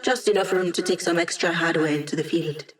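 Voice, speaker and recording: A woman's voice: on the low side, fairly even intonation, fairly quick, lightly acted. Hack, a wry digitized hacker played by a woman. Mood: wry, upbeat. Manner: wry, casual, techy chatter. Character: digitized young female hacker, wry, upbeat AI ally. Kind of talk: video game voice acting.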